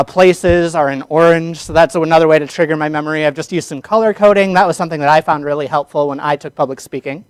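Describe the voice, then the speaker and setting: A man's voice: on the high side, smooth, no room sound. A man teaching a public speaking class, energetically lecturing and asking his students questions.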